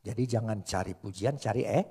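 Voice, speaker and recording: A middle-aged male pastor preaching a sermon in a church, swinging between loud emphatic calls and soft asides and joking with the congregation. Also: on the low side, brisk, slightly rough, faint music behind. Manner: jokes with the congregation in casual speech.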